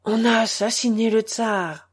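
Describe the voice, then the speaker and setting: A woman doing a low, anxious householder. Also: fairly even intonation, unhurried. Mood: worried. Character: middle-aged master of the house, anxious.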